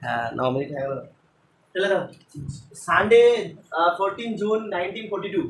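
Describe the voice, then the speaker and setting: Brief: male classroom tutor, slightly high voice, recorded from afar in a roomy classroom. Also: big pitch swings, fairly quick, a bit bright, distant mic, slight background noise. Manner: explains line by line, quizzes the class. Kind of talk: classroom English lesson.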